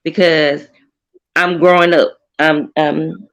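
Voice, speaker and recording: A woman's voice: sits low, level tone, slow pace, poor audio. A woman in her forties talking openly and earnestly on a group stream, repeating herself as she explains her struggles. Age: 40s. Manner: earnest, repeats herself, opens up about hardship. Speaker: guest caller on a group stream. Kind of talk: emotional casual chat.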